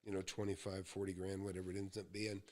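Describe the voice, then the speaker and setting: A man's voice: low-pitched, level tone, fast talker, darkish tone. A man in his sixties from the United States, hosting a live Q&A and giving real estate advice in a folksy, rambling storytelling way. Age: 60s. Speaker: real estate mentor host.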